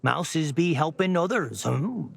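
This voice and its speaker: A man's voice: a little high, animated, takes it slowly, vocal fry, heavily acted. An actor playing a timid young male mole in a video game, with folksy broken grammar and hesitant speech. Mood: curious. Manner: hesitant and unsure.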